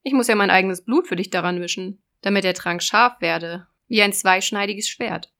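A woman voicing a cruel, scheming old sea witch in a storybook reading, loud and sneering. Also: mid-range voice, moderate pace, close to an everyday voice. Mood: menacing, sneering.

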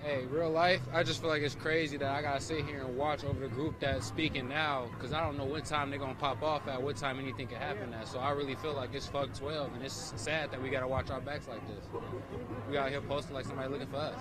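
Man protester, blunt, fast talker, heavy street noise around. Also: medium pitch, fairly even intonation. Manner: blunt, direct. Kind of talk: street interview.

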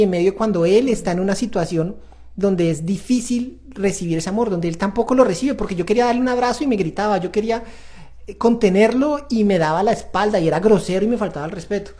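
A man's voice: high voice, quick pace, dark tone. A man hosting a faith-based parenting talk, earnest and confessional as he speaks straight to viewers. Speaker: parenting show host.

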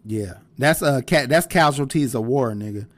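A man's voice: mid-range voice, moderate pace. A young man hosting a casual podcast, cursing and joking as he breaks down rap lyrics. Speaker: podcast host.

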